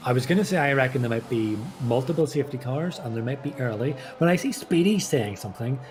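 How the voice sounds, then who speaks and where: A man's voice: mid-range voice, animated, fast talker, a little mellow, a little hiss or hum. A man co-commentating a sim race, chatty and rambling through anecdotes with lots of fillers.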